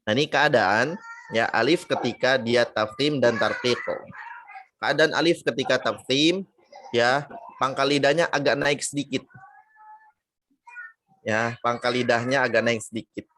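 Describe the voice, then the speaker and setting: A man's voice: mid-range voice, measured pace, long pauses, background noise. A man teaching Quran recitation in an online lesson, explaining patiently and drawing out and repeating sample syllables to show the sounds.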